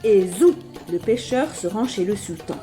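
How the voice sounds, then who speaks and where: A woman reading a children's story aloud in a playful, expressive sing-song manner. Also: medium pitch, a little slow, over music.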